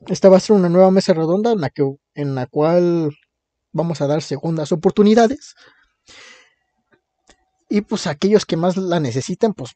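A man's voice: on the high side, warm tone, dry recording. A man with a Mexican accent casually recapping a comic, full of slang and laughter. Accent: Mexican Spanish. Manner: slangy, laughing plot retelling. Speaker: podcast host recapping a comic. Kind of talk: casual chat.

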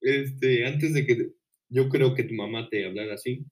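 A man's voice: medium pitch, unhurried. A young man with a Mexican accent in casual chat, eagerly jumping in to tell his side of the story. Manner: eager, jumps in, laughs often.

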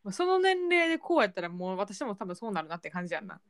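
A young woman with a Kansai accent who talks quickly, her pitch swinging widely as she reacts and tells stories. The sound is dry and close to the mic. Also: dry recording. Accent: Kansai Japanese. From Kansai, Japan. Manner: fast-talking, expressive reactions. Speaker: podcast co-host. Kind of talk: casual chat.

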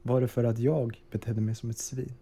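Very dark, husky-voiced man, mock solemn. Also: mid-range voice, level tone. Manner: pompous, solemn storyteller tone. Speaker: podcast host. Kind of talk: mock-dramatic reading, then casual chat. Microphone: video call.

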